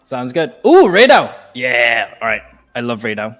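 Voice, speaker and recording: A man from Nepal, chatting casually on a live game stream, laughing easily and reacting out loud to play. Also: medium pitch, wildly swooping pitch, a little slow, faint music behind. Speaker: gaming streamer. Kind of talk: casual live-stream chat while gaming.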